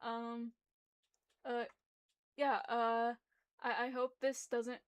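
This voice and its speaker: Her voice is a little high and clean, delivered flatly with drawn-out words. She's a young adult livestream host reading a story aloud and chatting informally, hesitant and apologetic, with slightly muffled articulation from speaking through a locked jaw.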